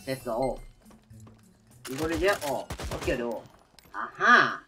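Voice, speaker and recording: A man streaming a game live, talking himself through each move and yelling at enemies, with many filler sounds. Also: mid-range voice, big pitch swings, a little slow, faint music behind. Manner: talks to himself while playing, shouts at enemies; frequent filler sounds between actions. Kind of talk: live gameplay commentary.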